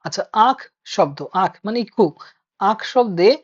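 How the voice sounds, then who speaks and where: A woman teacher leads an online class, patiently working through each point and putting questions to her students. Her voice sits at a middling pitch. The audio is dull and lo-fi, as on a video call. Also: expressive, measured pace, slightly rough. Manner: patient, explains step by step, asks students questions. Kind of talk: online Bengali grammar class.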